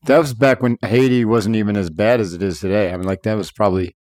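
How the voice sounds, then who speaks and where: A man's voice: fairly low pitch, steady tone, fast talker, a little mellow, no echo, clean studio sound. A middle-aged man hosting an interview in an enthusiastic, chatty way, with plenty of loose fillers. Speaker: podcast host. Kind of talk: casual interview chat.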